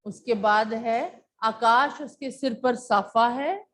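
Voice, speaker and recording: A woman's voice: on the high side, takes it slowly, a bit bright. A woman teacher explaining a poem to her class, patiently repeating key points and asking questions that she then answers herself. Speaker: school teacher.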